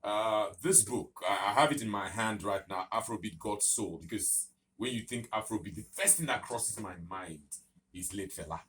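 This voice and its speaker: Low-voiced radio host. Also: male voice, normal speed, a bit bright, a little hiss or hum. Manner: emphatic presenter, many fillers. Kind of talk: radio interview. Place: radio studio.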